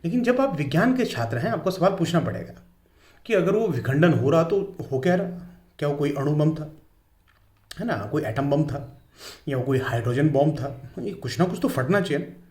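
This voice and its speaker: A man's voice: a little high, lively intonation, darkish tone. Hindi-speaking man teaching physics, echoey room. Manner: explains slowly, stresses each pronunciation in English. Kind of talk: classroom lecture.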